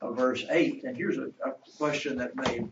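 A man's voice: mid-range voice, steady tone, normal speed, noisy background. Male Bible teacher, questioning class; distant, roomy, dull church recording. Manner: asks the class questions and waits for answers. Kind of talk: interactive Bible lesson.

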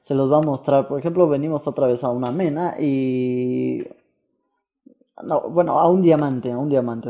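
A man's voice: a little high, warm tone, highs cut off. A man hosting a casual gaming tutorial, chatty and full of fillers, who keeps correcting himself and asks himself questions aloud. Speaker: YouTube gaming channel host. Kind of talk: casual Minecraft mod tutorial.

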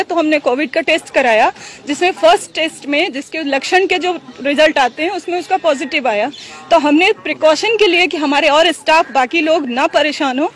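Middle-aged woman, mother, high voice, distressed and pleading, news interview outdoors. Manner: distressed, pleading, tells events at length. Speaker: mother of a hospitalized patient. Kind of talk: emotional on-street news interview.

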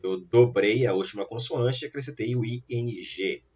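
A man's voice: mid-range voice, darkish tone, slightly rough. Man, English lesson, careful explaining, dull lo-fi recording. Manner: slow, careful explanations, spelling out letters. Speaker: English teacher. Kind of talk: language lesson.

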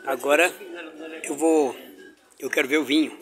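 In a casual vlog, a travel vlogger with a fairly high, fairly bright voice talks at normal speed with fairly even intonation. He wanders an indoor farmers' market with his camera, chatting cheerfully with vendors and kids and dropping religious exclamations along the way.

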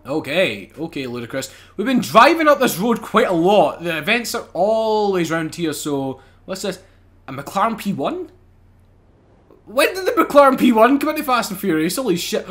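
A British man commentating casually over a racing game, excitable, swearing and laughing often. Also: sits high. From United Kingdom. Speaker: gaming channel host. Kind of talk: casual let's-play commentary.

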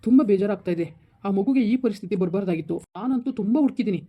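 Woman in a village skit, stammers a bit, talks quick, lo-fi sound. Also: mid-range voice, breathy edge. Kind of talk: village family skit acting. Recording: dull lo-fi recording.

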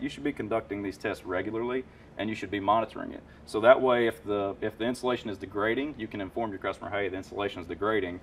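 A thirties-something HVAC tech, his pitch fairly low, chats enthusiastically about tools with lots of filler words. The setting is a warehouse parts room with shelves. Captured from a distance, the audio has a faint hiss or hum.

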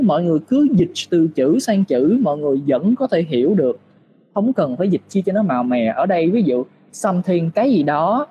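A man's voice: a little high, dull audio, slight background noise. A man teaching, patiently walking through a screen-share tutorial step by step and posing rhetorical questions to his students. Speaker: English teacher.

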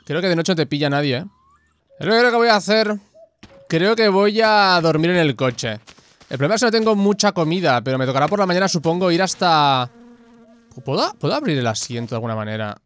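Male gamer, excitable and sweary, fairly high voice, live gameplay commentary. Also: a little fast. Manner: excitable, swears often, shouts at the screen.

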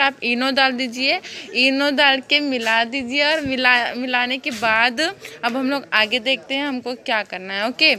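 A young cooking vlogger walks through a home recipe step by step, chatting casually with plenty of fillers. Her voice is a little high, pushed and bright, and she films her hands from above with a phone camera in her kitchen.

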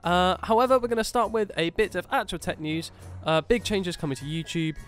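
Casting: male tech podcast host, fairly high, smooth voice, faint music underneath. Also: a little fast. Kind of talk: casual podcast chat.

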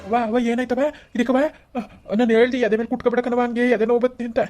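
A woman's voice: fairly high pitch, little pitch movement, rapid-fire, mellow, dull audio, faint music behind, natural voice. A woman voicing a grown son in a cartoon family drama, soothing and urging his mother. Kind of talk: cartoon voice acting.

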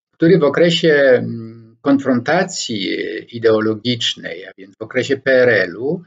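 A man in his sixties from Poland, with a medium pitch and a breathy edge, lectures reflectively to camera in his bookshelf-filled home study as a scholar commentator. Speaking slowly and deliberately, he pauses often with hesitation fillers while choosing his words and gestures with both hands. The dull, lo-fi sound comes from a webcam or laptop microphone in head-and-shoulders framing.

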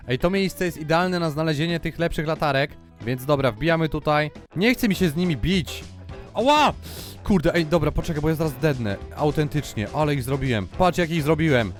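A young man giving lively, excitable commentary while playing a video game and talking to his viewers. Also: on the high side. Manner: exclaims often, addresses the audience. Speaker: gaming YouTuber. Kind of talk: excited Let's Play commentary.

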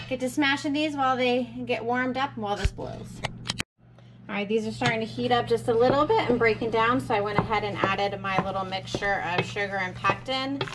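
A woman's voice: mid-range voice, heavy background noise. Chatty woman walking through a home recipe. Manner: chatty and practical, thinking aloud with fillers. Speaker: home cook and homesteading vlogger. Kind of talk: casual how-to narration while cooking. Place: home kitchen, indoors. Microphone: camera mounted above the stove and counter.

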